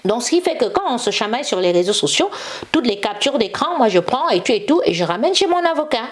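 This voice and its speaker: A woman's voice: a little high, very animated, quick pace. A woman, an interview guest telling a long story and acting out the quotes. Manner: acts out quotes and sings snippets, repeats "et tout". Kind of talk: animated storytelling.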